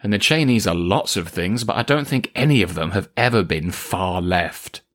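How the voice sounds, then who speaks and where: A man's voice: low voice, lively intonation, moderate pace, fairly bright tone. A man presenting satirical news as anchor, dry and exasperated with his guests.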